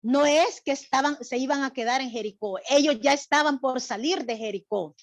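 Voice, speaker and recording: In a dry recording, a woman with a high voice speaks at a moderate pace while teaching a Bible lesson at church and directing a drama. She quizzes her group with questions and frequently checks in with "right?".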